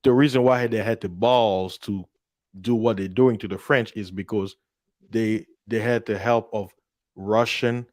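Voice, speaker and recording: A man in casual political discussion, telling a story in an animated way and acting out the voices of the people he quotes. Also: on the low side, measured pace, dry recording, studio quality.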